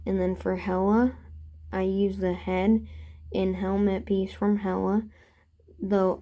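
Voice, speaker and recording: A woman hosting a toy-building channel, walking through her builds in a casual show-and-tell with relaxed, unsure asides. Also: mid-range voice.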